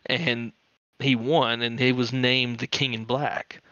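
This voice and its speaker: Man, podcast co-host, bright tense voice, dry dull lo-fi sound. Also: medium pitch, no echo. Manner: excitable fan, talks fast with many fillers. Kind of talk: casual chat.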